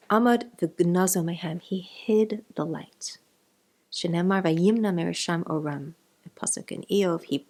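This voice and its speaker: South african woman teaching a torah class, chatty, wanders off topic, drops hebrew words. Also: lowish voice. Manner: chatty, digressive, mixes in Hebrew terms.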